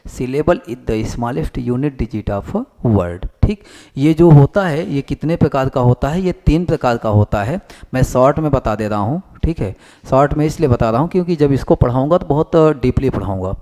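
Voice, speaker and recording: In a classroom lecture on English basics, a man with a mid-range, mellow voice and lively intonation repeats each point back as a question. He slowly dictates definitions while writing them on the board.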